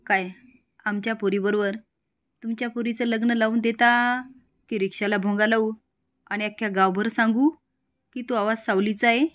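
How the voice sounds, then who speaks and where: A woman doing a brash, loud village father. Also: a little high, fairly even intonation, normal speed, pauses often, lightly acted. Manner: blunt, swaggering, rustic talk.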